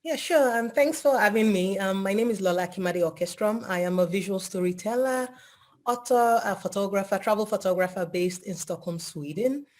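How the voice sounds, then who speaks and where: A woman from Nigeria introducing herself on an online panel, relaxed and conversational with "you know", over a video call. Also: medium pitch, normal speed. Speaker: photographer and startup founder.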